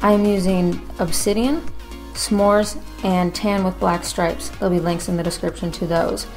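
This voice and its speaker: A woman's voice: on the low side, fairly even intonation, normal speed, darkish tone. Casual woman hosting a craft tutorial over music. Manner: informal, conversational. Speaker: tutorial host.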